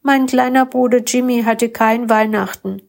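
A woman reading a storybook, voicing an excited nine-year-old boy who looks after his little brother. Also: on the high side, a little slow, creaky. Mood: earnest. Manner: eager, shouting.

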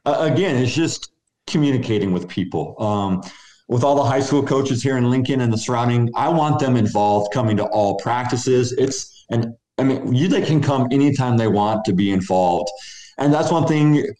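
A man's voice: mid-range voice, moderate pace, dark tone. A man, a basketball coach, answering interview questions in an upbeat, rambling way over a video call. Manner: upbeat, rambling, restarts sentences. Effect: heard over a video call. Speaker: basketball coach and club program director. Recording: roomy video call audio.

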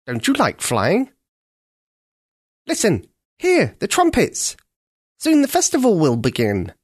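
A man's voice: sits high, huge pitch swings, slow, slightly rough, dry recording, studio quality, voice pushed up, heavily acted. A man doing a boisterous old crow. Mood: coaxing. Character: bossy, cheerful old male senior crow. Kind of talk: storybook read-aloud.

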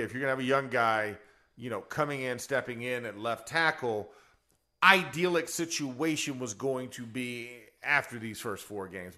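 A man's voice: mid-range voice, sharp tone. A man who is a former offensive lineman, co-hosting a sports radio show in a rambling, chuckling way. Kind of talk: casual sports talk.

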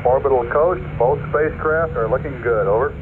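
A man's voice: mid-range voice, brisk. A man speaking clipped, formal radio procedure as mission control over a crackly, breaking-up space radio transmission. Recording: tinny noisy archival radio line.

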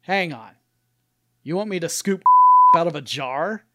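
A man's voice: high-pitched, wildly swooping pitch, unhurried, sharp tone, exaggerated voice. A man voicing a young farm girl far from home, prim and incredulous, in a raised voice.

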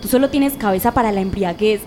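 A woman's voice: mid-range voice, quick pace, warm tone, a little hiss or hum, lightly acted. Stern tired woman in a radio play, acted by a woman, scolding her drunk man, coughs a bit. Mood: reproachful. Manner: reproachful, stern. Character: exasperated sick partner, stern and weary. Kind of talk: amateur radio drama.

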